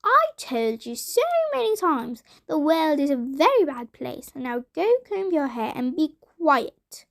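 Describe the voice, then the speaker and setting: A cruel old witch with a shrill, piercing voice pitched far up, as a woman puts her on. She hisses and shrieks her threats in a storybook reading, with an odd, strained tone. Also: very animated, unhurried, creaky, hardly any pauses, exaggerated voice. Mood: scolding. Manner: shrill, hissing, menacing.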